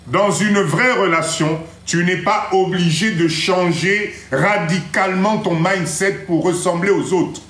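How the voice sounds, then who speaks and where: A man with a fairly high voice hosts a motivational live stream. He talks in an animated way, drops into Lingala, and mimics other people. The sound is roomy and echoey. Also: a little slow, few pauses. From Congo-Kinshasa. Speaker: live stream host giving motivational advice.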